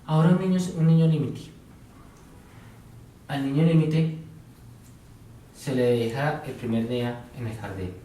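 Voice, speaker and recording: A man's voice: mid-range voice, measured pace, long pauses, warm tone, slight background noise. A man teaching a psychology class, asking his students questions and repeating their answers. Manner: tells examples step by step, now and then playing a teacher or patient. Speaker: psychology lecturer. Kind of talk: classroom lecture. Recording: very echoey room, voice from far off.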